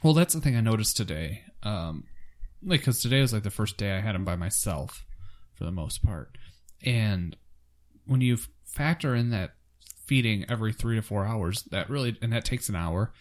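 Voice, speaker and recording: A man's voice: lowish voice, expressive, moderate pace. A tired young man, a new father of twins, chatting casually on a podcast and rambling with lots of fillers. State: exhausted, yawning. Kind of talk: casual chat.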